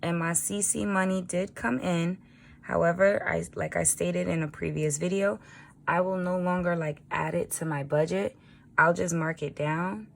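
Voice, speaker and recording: A woman with a raspy early-morning voice, chatting informally as a vlogger while she writes out a budget. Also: lowish voice, fairly even intonation, normal speed. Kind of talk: casual budgeting vlog narration.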